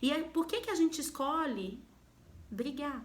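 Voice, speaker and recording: A woman's voice: high voice, animated, measured pace. A woman from Goiânia, a mother, giving a motivational talk on emotional health and firing direct rhetorical questions at the viewer. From Goiânia, Brazil. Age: adult, mother of a daughter.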